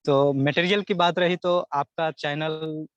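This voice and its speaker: Earnest young man, slightly high. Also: steady tone, unhurried, clear, resonant tone, no room sound, muffled recording. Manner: earnest, repeats himself while listing exam topics. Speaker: selected student guest. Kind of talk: casual interview answers.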